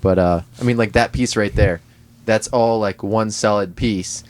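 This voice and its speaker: A man's voice: fairly low pitch, fairly even intonation, normal speed, darkish tone. A man co-hosting a casual podcast chat from a parking lot, laughing often and explaining things loosely. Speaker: podcast co-host. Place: parking lot near a van.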